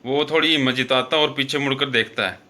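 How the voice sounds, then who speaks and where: A man with a mid-range voice talks fast, his delivery pushed and bright. He's hosting a show and narrating a horror story in a loose, conversational way, full of fillers and self-corrections.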